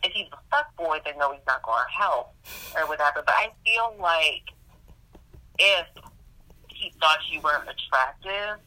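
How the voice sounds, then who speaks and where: Bright, animated woman podcast co-host. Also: deep voice, unhurried, no room sound, low-quality recording. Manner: animated, chatty, exclamatory. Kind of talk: casual chat.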